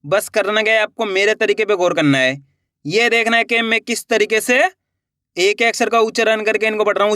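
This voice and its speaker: A man's voice: high voice, pushed and bright, no room sound, clean studio sound. A man teaching beginners to read, patiently sounding out each syllable before blending it into a whole word and giving the viewers instructions. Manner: addresses viewers as friends, gives instructions. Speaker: Hindi reading teacher. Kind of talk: slow syllable-by-syllable reading lesson.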